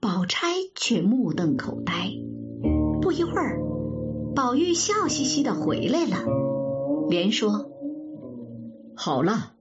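A woman narrating a classic novel in a clear, measured storytelling manner. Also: fairly high pitch, very animated. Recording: dull audio with guitar music.

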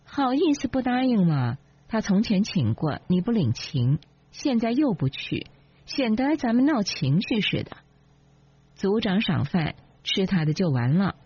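一位女性朗读者演绎一个说话尖刻、满含讥讽、醋意十足的年轻妻子，嗓音略带沙哑。. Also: female voice, medium pitch, sing-song, measured pace, dark tone, breathy edge, dry recording. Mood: sarcastic. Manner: sarcastic, cutting. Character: sharp-tongued jealous young wife. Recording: dull lo-fi, dry.

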